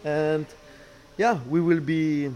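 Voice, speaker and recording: Halting middle-aged man, non-native English speaker. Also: on the high side, steady tone, mellow, low-quality recording. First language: not English. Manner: halting, searching for words, repeats phrases. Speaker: racing team boss, former driver. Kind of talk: interview answers. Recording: clear background noise, ambient sound.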